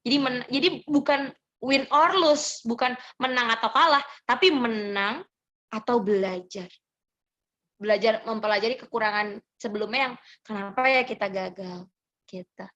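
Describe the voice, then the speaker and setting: A young woman giving gentle, reassuring advice in a motivational sharing session, answering audience questions and mixing in English phrases. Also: fairly high pitch, normal speed.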